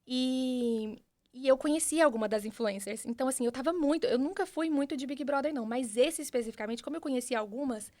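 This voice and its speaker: A young woman with a Brazilian Portuguese accent, a podcast guest giving an earnest, animated personal testimony with frequent restarts. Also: sits high, fairly quick. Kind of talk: personal testimony in casual conversation.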